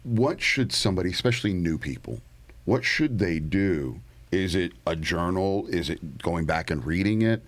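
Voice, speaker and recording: A man hosting an interview, asking questions in a relaxed way. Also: sits low, moderate pace. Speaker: podcast host. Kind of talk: conversational interview.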